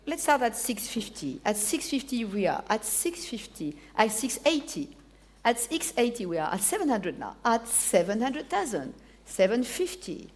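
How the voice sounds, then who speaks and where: A woman with a high voice and a French accent runs a live auction. She calls the bids, repeats each figure and nudges bidders by name. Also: sing-song, moderate pace. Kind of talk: live auction bid-calling.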